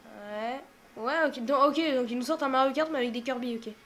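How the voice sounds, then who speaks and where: A woman's voice: high voice, fairly quick, fairly bright tone. Young woman musing through a live reaction. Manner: musing aloud, many fillers, drops to whispers. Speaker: streamer reacting to a game showcase. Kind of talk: casual live reaction commentary.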